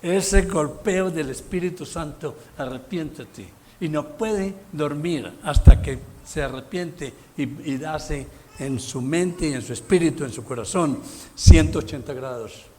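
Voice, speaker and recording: A man preaching a Sunday sermon as pastor, emphatic, with sudden loud bursts and exclamations. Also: a little high, measured pace. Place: church sanctuary.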